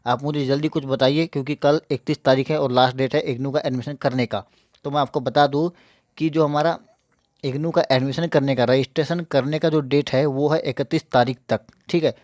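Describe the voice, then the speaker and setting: A man's voice: mid-range voice, fairly even intonation, fairly quick, darkish tone, no echo, studio quality. A young man hosting a casual screen-share tutorial, repeating points and reassuring viewers, slightly hampered by a mouth ulcer. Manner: repetitive, reassuring, keeps checking in with listeners. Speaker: YouTube tech channel host.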